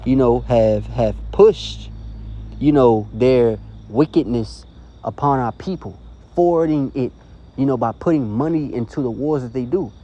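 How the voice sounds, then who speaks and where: Earnest man preaching, dark voice. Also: mid-range voice, unhurried, highs cut off. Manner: earnest, rambling, many "you know" and "okay?" tags. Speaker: street preacher. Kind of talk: informal preaching to camera. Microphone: phone recording.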